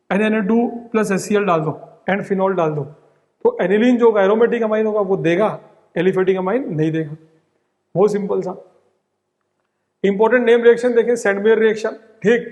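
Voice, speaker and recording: A young man with a high voice, runs through exam-prep chemistry rapidly and keeps checking in with his students. His voice carries a long reverb, as if lecturing in a large hall. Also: a little mellow. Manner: rapid, drilling, repeats "ठीक" and "बहुत simple". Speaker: chemistry teacher.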